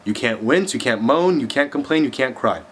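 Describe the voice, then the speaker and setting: A man's voice: medium pitch, expressive, normal speed, fairly bright tone. A man voicing a stern male chief in a told joke, talking in a stiff, commanding way.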